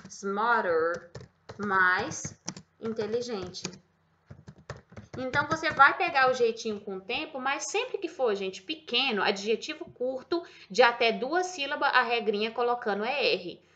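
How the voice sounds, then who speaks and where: A Portuguese-speaking woman teaching an English lesson in a casual way, repeating words slowly and often checking that her students follow. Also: fairly high pitch, lively intonation, pushed and bright, slight background noise. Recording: dull lo-fi sound.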